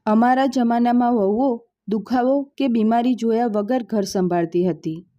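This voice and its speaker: A woman's voice: fairly high pitch, measured pace, dark tone, lo-fi sound, lightly acted. A woman voicing a harsh older mother-in-law who scolds sharply, in a storybook reading. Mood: scolding.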